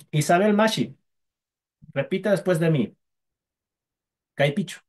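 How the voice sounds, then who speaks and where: A man's voice: high-pitched, animated, takes it slowly. A man teaching a language class online, patiently drilling sounds for students to repeat.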